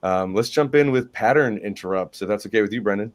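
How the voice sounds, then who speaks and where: Male host, lower voice, upbeat and emphatic, business training talk. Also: fast talker. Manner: enthusiastic, emphatic, frequent "right?". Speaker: podcast host.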